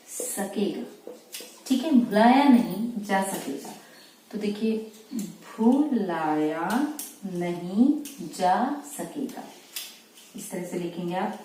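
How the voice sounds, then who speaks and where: A woman, a shorthand teacher, giving a slow, deliberate lesson and repeating words syllable by syllable. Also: lowish voice, warm tone. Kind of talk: slow dictation-style lesson. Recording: echoey room, far from mic, faint noise.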